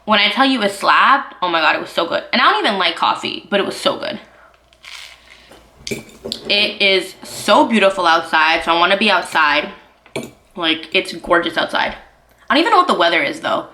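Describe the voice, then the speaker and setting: A woman's voice: lowish voice, big pitch swings, fast, sharp tone. A woman in her twenties chatting casually at home over breakfast, full of fillers like "like", sometimes talking with her mouth full. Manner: chatty, filler-heavy talk, eating while speaking. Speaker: vlogger. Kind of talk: casual chat. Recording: echoey room.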